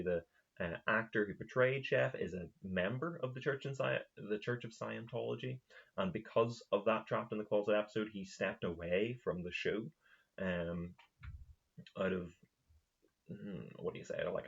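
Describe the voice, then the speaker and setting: A man's voice: lowish voice, vocal fry, breathy edge. A male podcast host talking in a casual, rambling monologue, full of fillers and restarts. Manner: laughs at his own retelling. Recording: slightly dull lo-fi recording.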